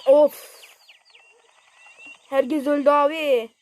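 A man giving casual, excitable gameplay commentary in slangy speech, yelping at sudden moments. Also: very high voice, drawn-out words, soft background music. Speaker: gameplay streamer.

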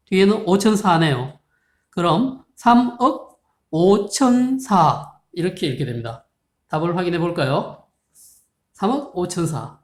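A patient math teacher walks viewers through a lesson at an unhurried pace, reading numbers out digit by digit. The speech is polite and formal, often pausing to ask a question. The voice sits at a middle pitch and carries a roomy echo. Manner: slow, patient explaining, reading digits out one by one. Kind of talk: recorded video lesson. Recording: roomy, echoey room sound.

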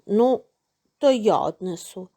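A woman voicing a hardworking, patient rooster in a low, steady voice. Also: takes it slowly.

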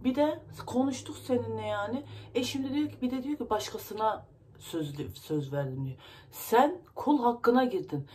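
A woman's voice: on the high side, expressive, moderate pace, dark tone. Agitated woman venting to her viewers. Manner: agitated, rambling, emotional venting. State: stuffy nose from crying. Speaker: vlogger. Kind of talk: casual vlog talk to viewers.

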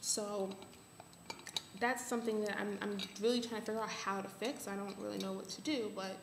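A young adult woman giving a casual update to camera, halting as she thinks aloud. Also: medium pitch, fairly even intonation, creaky. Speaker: vlogger. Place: small bare room at home. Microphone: webcam or laptop at arm's length. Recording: echoey room, faint background hiss.

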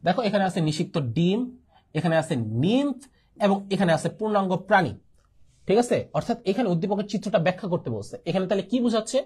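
Young Bangladeshi-accented man as a tutor, husky voice, lively pitch, coughs between points. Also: quick pace. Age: young adult. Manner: repeats key points, asks and answers his own questions, coughs often. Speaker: biology tutor. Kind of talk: online exam-prep lecture.

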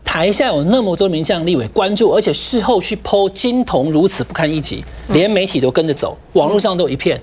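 A man's voice: high-pitched, lively intonation, fairly quick, hardly any pauses, slightly rough. A man with a Taiwanese Mandarin accent giving emphatic political commentary as a guest in a TV studio. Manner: emphatic, lecturing. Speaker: political talk show guest.

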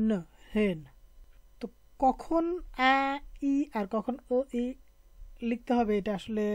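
A woman's voice: on the high side, mellow, no echo. A woman teaching a French spelling and pronunciation lesson, patiently spelling out each sound letter by letter. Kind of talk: online language lesson.

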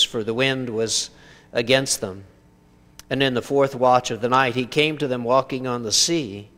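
A man's voice: mid-range voice, a bit bright. Man preaching a sermon in a reverberant hall. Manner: conversational, with rhetorical questions and dry humor. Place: church sanctuary.

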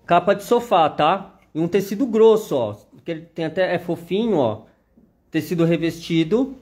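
A man's voice: high voice, moderate pace, darkish tone. A man with a Brazilian Portuguese accent giving a chatty live sewing machine demonstration, constantly pointing things out to viewers.

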